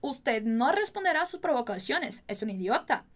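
High-voiced woman teaching Spanish. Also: sing-song, a bit bright. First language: Portuguese. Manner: slow, exaggerated drill phrasing, chatty asides. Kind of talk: language lesson with drills.

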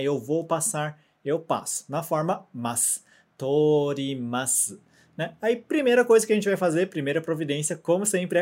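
A man teaching a grammar lesson, patient and methodical, saying example words slowly for repetition and ending sentences with quick check-in tags. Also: a little high, a little mellow. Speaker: Japanese language teacher.

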